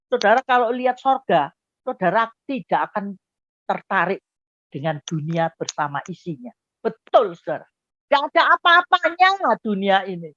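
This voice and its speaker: A woman's voice: mid-range voice, big pitch swings, normal speed, a bit bright, dry recording. A woman, giving an emotive testimony to a congregation and addressing listeners directly. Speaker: testimony speaker. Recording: dull dry lo-fi recording.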